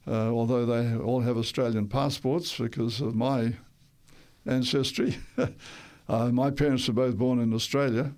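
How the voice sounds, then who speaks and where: Somewhat slow and darkish in tone, with mid-level pitch and fairly flat intonation, an older Tongan interview guest tells his life story on the radio. He rambles a bit, restarts and self-corrects, and chuckles now and then.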